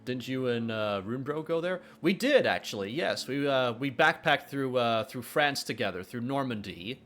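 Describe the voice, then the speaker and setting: A young man with a mid-range, fairly bright voice and lively intonation talks at a normal speed while streaming his game development. The chat is casual and meandering, crowded with fillers and restarts, as he jokes and reads chat questions aloud over faint background music.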